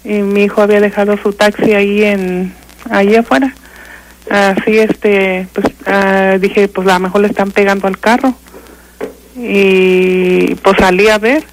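Older mexican lady calling a radio show, flat monotone voice, lots of "este" and restarts. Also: mid-range voice, rough recording. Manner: halting, full of fillers and restarts. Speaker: caller. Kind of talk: telling a ghost story on a radio call-in.

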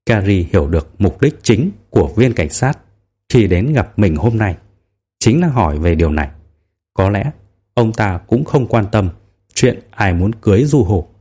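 A man narrates a novel as an audiobook, his voice somewhat low. He reads calmly and evenly, with steady control. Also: husky.

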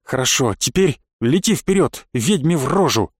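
A man voicing an angry, defiant young hero who hisses and shouts insults. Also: mid-range voice, expressive, normal speed, no echo, clean studio sound, close to an everyday voice. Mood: angry defiance.

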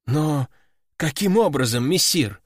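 A man's voice: a little high, animated, slow, husky, no room sound, studio quality, full character voice. A man voicing a stubborn, defiant young male apprentice who talks bluntly.

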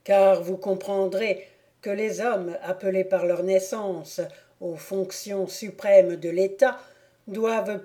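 A woman reading the part of a stern, persuasive older count speaking to his son in an audiobook, with measured, solemn delivery. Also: on the low side, warm tone.

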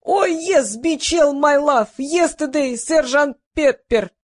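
A woman's voice: high-pitched, takes it slowly, darkish tone, no room sound, clean studio sound, pitched above the performer's own voice. Woman playing a blurting showman in broken English. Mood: blustering. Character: Russian-speaking male showman mangling broken English.

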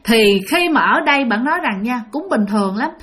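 A woman's voice: fairly high pitch, lively intonation, a little fast, a bit bright. A woman with a Southern Vietnamese accent telling a ghost story in a chatty way, often addressing her listeners directly. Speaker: storyteller host. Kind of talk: casual spooky storytelling.

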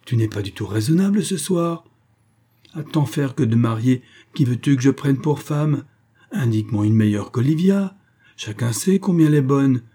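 A man's voice: mid-range voice, normal speed, warm tone, breathy edge, lightly acted. A man voicing a frail, worried father who pleads tenderly with his daughter, in a read-aloud novel.

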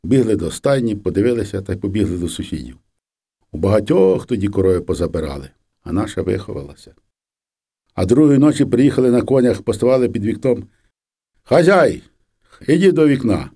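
Mellow-voiced man reading an audiobook. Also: lowish voice, fast, slightly rough. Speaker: audiobook reader. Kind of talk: audiobook narration of a memoir.

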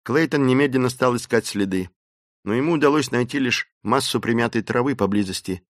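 A man reads an adventure story aloud in a mid-pitched voice, steady and expressive. The recording is dry and close, with no room echo around him. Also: brisk. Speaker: audiobook narrator. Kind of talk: dramatic storybook narration.

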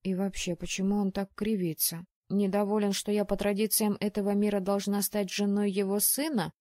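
A woman reading a first-person audiobook in a lively, expressive way. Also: medium pitch, normal speed, no room sound, clean studio sound. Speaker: audiobook narrator.

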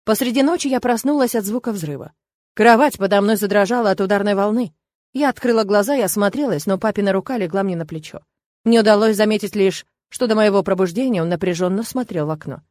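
A woman's voice: mid-range voice, fast, darkish tone, no room sound. Woman narrating an audiobook, dry sound. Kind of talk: scripted first-person audiobook narration.

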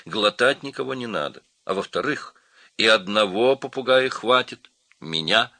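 A man voicing a bossy, know-it-all male parrot in a storybook reading, brisk and declaring. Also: lowish voice, expressive, pushed and bright, no echo, pitched above the performer's own voice.

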